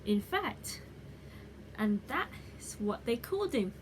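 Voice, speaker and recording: A woman reading a children's bedtime story aloud in an unhurried, measured way, like the opening of a fairy tale. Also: fairly high pitch, very animated. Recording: clearly noisy background ambience.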